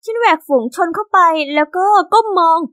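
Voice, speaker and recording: A young woman narrating an animated story in a chatty, exasperated teen manner. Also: very high-pitched, brisk, no room sound, studio quality.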